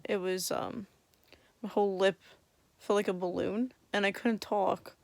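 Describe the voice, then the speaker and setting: A young woman talks casually to her vlog after wisdom teeth removal, with a lisp from her swollen mouth. Her voice is creaky and drowsy, at an ordinary pitch, recorded close and dry. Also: steady tone, measured pace, dry recording. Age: young adult. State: tired, drowsy from medication. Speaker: vlogger. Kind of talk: casual chat.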